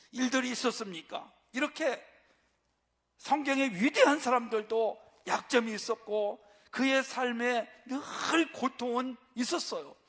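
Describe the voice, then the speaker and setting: High-voiced pastor preaching in a church hall. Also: male voice, fairly bright tone. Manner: asks rhetorical questions and answers them. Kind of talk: sermon. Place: church sanctuary. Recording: long church reverb.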